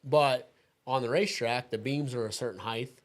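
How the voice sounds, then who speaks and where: A male talk show host with a medium-pitched voice speaks at a normal speed in casual chat. He's easygoing, laughs often, and uses plenty of fillers and restarts.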